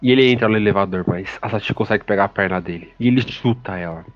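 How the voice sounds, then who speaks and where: A man with a Brazilian Portuguese accent giving a casual, hurried plot recap and commentary on a manga, chaining events flatly one after another. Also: on the low side, no echo, highs cut off. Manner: flat, hurried retelling chained with "e". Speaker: manga reviewer.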